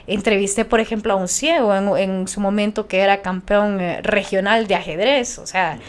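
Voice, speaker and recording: A woman's voice: medium pitch, normal speed, clear, resonant tone. A young woman from Honduras with a Honduran Spanish accent, a radio announcer chatting passionately as a podcast guest. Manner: animated, passionate, many restarts. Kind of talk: casual interview chat.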